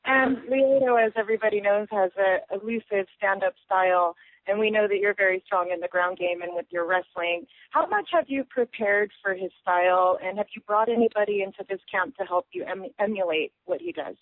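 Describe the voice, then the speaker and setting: A woman's voice: mid-range voice, a little fast, no echo. Lady reporter calling into a press call, narrow phone sound. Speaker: reporter asking questions. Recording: narrow, dry phone line.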